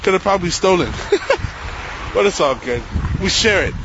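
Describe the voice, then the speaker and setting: Host, male, fairly high voice, relaxed slangy street commentary, dull muffled outdoor recording. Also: moderate pace, noisy background. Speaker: host walking a neighborhood. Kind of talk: casual walking commentary. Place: outdoors on city streets at night.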